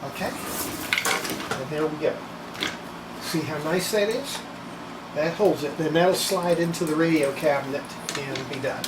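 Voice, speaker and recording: In a small, cluttered electronics workshop, an older person narrates restoring a radio in a folksy, casual manner, frequently muttering under their breath. The medium-pitched voice is a little slow with long pauses. There's room echo and a very noisy background.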